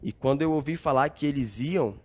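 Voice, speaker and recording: His pitch is medium and his tone darkish as this young Brazilian podcast guest talks a little fast. He tells his story earnestly and reflectively in a casual interview, dropping in filler tags frequently.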